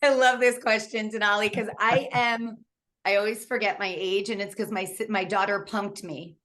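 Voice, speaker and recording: A woman's voice: medium pitch, fairly even intonation, normal speed, fairly bright tone. A woman in her forties, a candid author and coach, telling her story with frequent laughs in a casual interview over a video call. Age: 40s.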